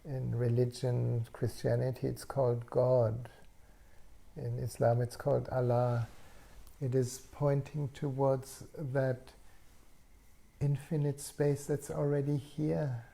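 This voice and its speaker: A man speaking as a spiritual teacher in an unscripted satsang, slow and serene like a guru, with long pauses and a soft, gravelly voice. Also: medium pitch, little pitch movement. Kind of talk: unscripted satsang talk, answering questions. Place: online video call session.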